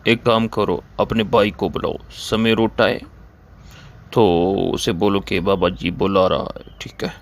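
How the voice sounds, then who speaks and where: A man's voice: on the low side, fairly even intonation, lightly acted. An actor playing a gullible, easily offended old grandfather who scolds and complains in a comedy skit. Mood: coaxing.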